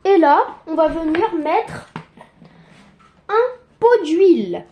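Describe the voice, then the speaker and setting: A young woman giving a casual cooking tutorial in her home kitchen, chatty and quick to joke about herself. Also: very high voice, sing-song, dull audio, slight background noise. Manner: chatty, joking, self-mocking asides.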